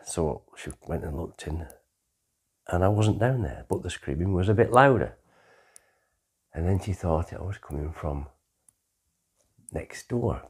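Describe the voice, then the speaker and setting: Low husky older man. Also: darkish tone. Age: 60s. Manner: rambling, conversational, with frequent pauses and restarts. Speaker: memoir author telling his life story. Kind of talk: unscripted autobiographical storytelling.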